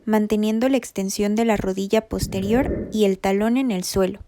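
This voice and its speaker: A woman giving a scripted, methodical narration for a rehabilitation lesson, reading anatomy terms in an even voice-over. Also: mid-range voice, moderate pace. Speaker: rehabilitation instructor.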